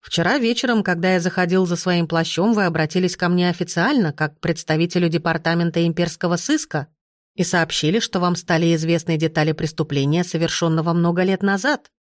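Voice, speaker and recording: A woman's voice: lowish voice, fairly quick, no echo, studio quality, natural voice. A woman reading a cold, stern male investigator. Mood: self-assured. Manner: cold, self-assured, formal.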